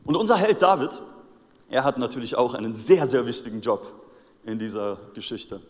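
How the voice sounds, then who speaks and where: A German-accented male preacher retells a Bible story in a loose, casual sermon, jumping in and out of the characters' voices with slangy asides. His voice sits at an ordinary middle pitch. It rings with the long reverb of a big church hall. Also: lively intonation, moderate pace. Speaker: pastor.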